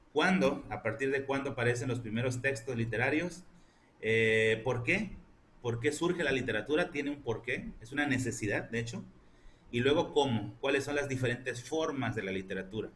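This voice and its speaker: Guy teaching a lit class, mid pitch, asks lots of questions, bit of background hiss. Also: a bit bright. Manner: explanatory, asks rhetorical questions. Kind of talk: online class lecture.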